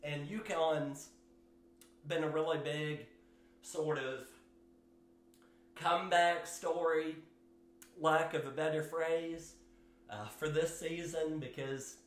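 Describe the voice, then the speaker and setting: A man hosting his own sports podcast, giving solo commentary in a slow, measured way with fillers and hedges. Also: a little high, fairly even intonation, reverberant. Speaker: podcast host.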